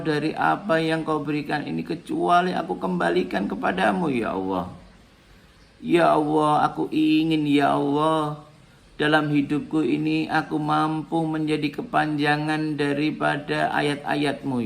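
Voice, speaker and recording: A middle-aged man, his fairly high voice roughened by a gravelly edge. He gives a religious talk and prays aloud, earnest and pleading, letting each phrase sink soft and low at its close. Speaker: Islamic speaker. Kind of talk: religious talk with spoken prayer.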